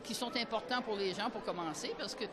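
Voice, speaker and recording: A woman's voice: mid-range voice, fairly quick. A woman speaking steadily and emphatically. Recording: gala crowd outdoors.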